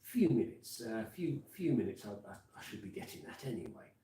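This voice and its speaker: His voice is fairly low and warm, swinging widely in pitch and running a little fast, with slight background noise. He's a Birmingham man in his fifties with a Brummie accent, hosting live radio from a community studio with loose, rambling chat, fillers, restarts and song links. Music plays behind him, and the distant mic picks up an echoey room.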